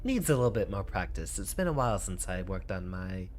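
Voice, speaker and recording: A man's voice: low voice, sing-song, brisk, background noise. A man giving casual commentary as he plays a card game, boastful and thinking aloud. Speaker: streamer playing a card game. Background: music.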